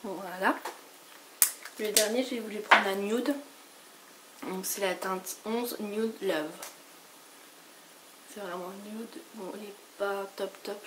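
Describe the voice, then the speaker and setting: A woman from France with a sick, hoarse voice, chatting casually through a makeup haul and rambling with lots of fillers and restarts. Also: mid-range voice. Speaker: beauty vlogger. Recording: noisy home recording.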